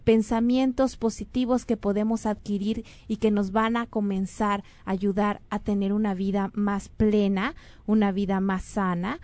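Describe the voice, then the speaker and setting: A Mexican woman hosts a radio or online show, making casual announcements and introducing a guest. Her medium-pitched voice is flat, unhurried and somewhat dark, recorded dry. She speaks earnestly but rambles, with fillers and self-corrections.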